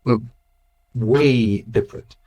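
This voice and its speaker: A man's voice: mid-range voice, slow, mellow. Swiss-raised man in his thirties, interview guest, thoughtful and chatty with easy laughs. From Switzerland. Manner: thoughtful, with frequent restarts and laughs. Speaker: guest, Islamic school director. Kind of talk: casual conversational interview.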